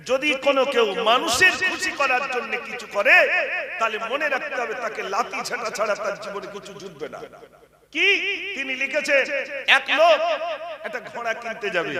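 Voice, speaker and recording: A man preaching a village sermon to a live crowd, telling jokey stories, asking the listeners questions. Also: very high-pitched. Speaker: Islamic preacher and ghazal singer. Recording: echoey open-air loudspeaker sermon, crowd audible.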